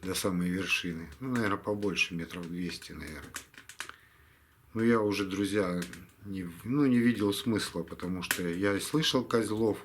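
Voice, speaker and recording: A tired man talking casually to camera in a halting, resigned way, like a hunting vlogger winding down his day. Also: deep voice, slight background noise. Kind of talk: casual vlog monologue to camera.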